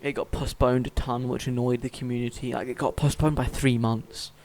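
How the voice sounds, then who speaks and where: A young man in casual chat about video games, blunt and quick to swear. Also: mid-range voice, little pitch movement, a little mellow, low-quality recording. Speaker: gaming YouTuber. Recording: faint noise with clicks.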